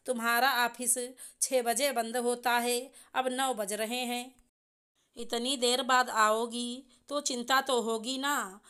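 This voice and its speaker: A woman's voice: a little high, fairly even intonation, slow, sharp tone, clean tone. A woman reading a curt young husband. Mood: stern. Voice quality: curt, demanding. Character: worried, stern young husband.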